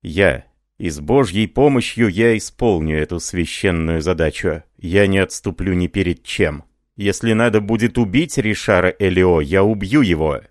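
A man's voice: low-pitched, moderate pace, no echo, clean studio sound, close to an everyday voice. A man playing an ardent, devoted young French lieutenant who speaks fervently and pleadingly.

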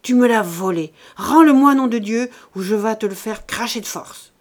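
Woman reader as an old peasant father: hoarse, loud, strained, raised pitch. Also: unhurried. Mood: furious. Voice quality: hoarse, choking. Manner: loud pleading and shouting.

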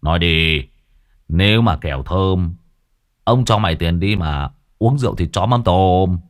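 A man voicing a gruff, hard-of-hearing village chief who is short-tempered and swears at his servant in a storybook reading. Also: low voice, lively intonation, a little slow. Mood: irritated. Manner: gruff, curses, barks orders.

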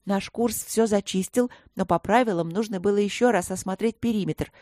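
A woman voicing a brash, tipsy young female dwarf mage who talks high, loud and excitable, slurring a little. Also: moderate pace, dry recording, clean studio sound, lightly acted.

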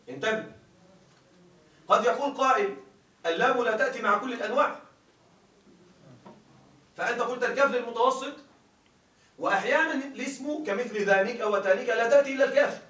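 A man's voice: extremely high pitch, fairly bright tone, reverberant, recorded from a distance, low-quality recording. A male teacher gives a grammar lecture. He reads a classical text aloud, explains it, and keeps checking that his listeners follow.

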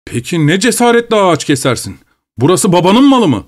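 A man doing a shouting, hot-tempered steward. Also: fairly high pitch, measured pace, pitched above the performer's own voice. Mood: furious. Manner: shouting, scolding. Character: hot-tempered Polish male estate steward.

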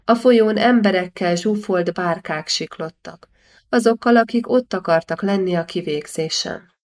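Woman narrating a historical novel. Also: mid-range voice. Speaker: audiobook narrator. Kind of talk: scripted narration.

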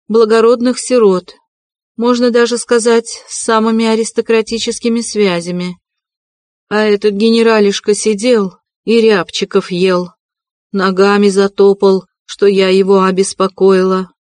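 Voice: a little mellow, dry recording, lightly acted. A reader voicing a proud, frantic impoverished widow, raised and strained, in an audiobook reading. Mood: haughty, then indignant. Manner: haughty then shrill and desperate.

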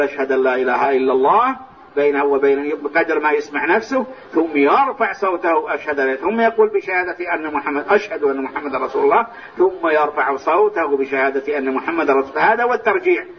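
A man teaching a lesson on hadith, explaining the texts step by step and softly reciting phrases of the call to prayer, heard in an old recording from a large mosque. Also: on the high side, fast talker. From Saudi Arabia. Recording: distant, dull, lo-fi old recording with faint hiss.

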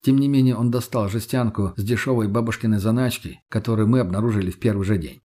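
A man's voice: on the low side, fast, dark tone. A young man reading a first-person audiobook in a matter-of-fact, dry manner with coarse slang. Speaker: audiobook narrator.

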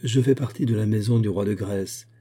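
A man reading the part of a graceful young noble lady, speaking gently and with emotion. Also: on the low side, a little fast, slightly rough. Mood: gently embarrassed.

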